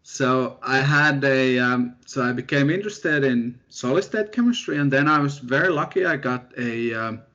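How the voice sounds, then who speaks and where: A young man from Finland, a postdoctoral researcher telling his story in a relaxed, self-deprecating way as an interview guest. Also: medium pitch, normal speed, hardly any pauses. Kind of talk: casual interview chat. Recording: dull lo-fi audio.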